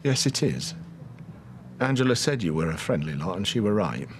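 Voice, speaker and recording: An actor playing a troubled, plain-spoken older grandfather with a northern English accent in a TV soap, talking haltingly. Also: deep voice, sing-song, a little hiss or hum. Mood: polite. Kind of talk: TV soap dialogue.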